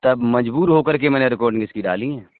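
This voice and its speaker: Talking fast in a mid-range voice, a man on the phone presses his case and insists on being heard out. The telephone audio is thin and dry, with no echo.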